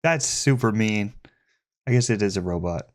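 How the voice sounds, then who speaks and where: A man's voice: fairly low pitch, animated, normal speed. A man casually chatting on a live stream, joking around, laughing often and swearing freely. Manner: giggly, joking banter with crude language.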